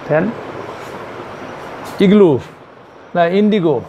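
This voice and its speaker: A male primary school teacher with a Bangladeshi accent, giving a slow classroom lesson and spelling out words letter by letter. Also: sits high, animated, mellow, a little hiss or hum. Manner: spells words letter by letter, repeats each meaning several times.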